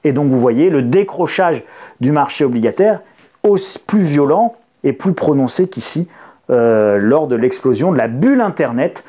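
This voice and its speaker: Lively, warm-voiced economics host. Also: male voice, medium pitch, normal speed. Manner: lively and expressive, with sound effects and asides. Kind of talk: explaining finance to an online audience.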